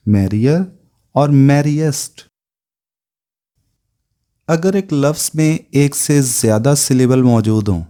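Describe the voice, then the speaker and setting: Slow, dark-voiced man teaching grammar. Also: mid-range voice. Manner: spells out word forms one by one. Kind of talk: slow explanatory grammar lesson.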